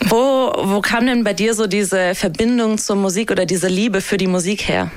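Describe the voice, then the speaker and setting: A woman's voice: mid-range voice, moderate pace, no echo. A woman hosting a radio podcast interview with a musician, friendly, with short questions and easy laughter.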